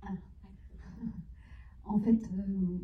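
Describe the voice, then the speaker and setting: A woman's voice: medium pitch, steady tone, drawn-out words, slight background noise. A woman actress of Iranian origin, answering questions at a cinema talk in hesitant phrases with many fillers. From Iran. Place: cinema hall. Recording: echoey, distant and muffled room sound.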